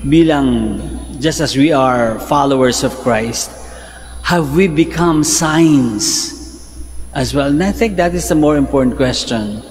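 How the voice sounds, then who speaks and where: An older Filipino priest preaches at the altar of a large church, talking in a relaxed, conversational way and leaping up in pitch when he stresses a point. His voice trails off into a long church reverb over a faint hiss of noise. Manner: conversational, rises in pitch for emphasis and quoted lines. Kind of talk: homily mixing English and Tagalog. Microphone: fixed mic from a medium camera shot.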